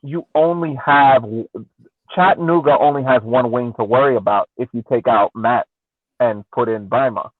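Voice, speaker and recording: On a podcast panel, a man casually argues his way through a soccer game in a post-game discussion, posing questions and acting out reactions. His mid-range voice moves at a moderate pace, recorded dry with a thin, phone-like radio sound.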